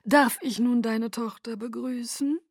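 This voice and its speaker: A woman reads out an old male vampire leader who courts his listeners with melodic, theatrical charm. The voice rides high and floats in a silky sing-song. It is recorded dry and close, with no room around it. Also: steady tone, a little slow, no echo. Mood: silky, delighted. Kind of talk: audiobook reading.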